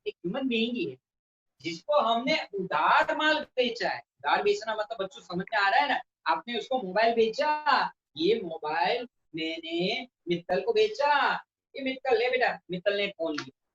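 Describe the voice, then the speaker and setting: A male teacher giving a live online class, repeating definitions slowly and quizzing students by name. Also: high-pitched, fairly bright tone, slight background noise. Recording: echoey, distant, dull sound.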